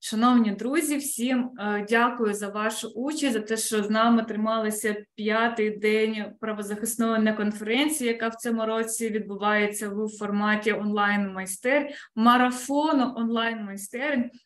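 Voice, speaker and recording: A woman with a fairly high voice closes an online conference as its moderator. She speaks formally and earnestly, pausing on small fillers. The voice comes over a video call. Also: fairly even intonation, a bit bright. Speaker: moderator and event coordinator.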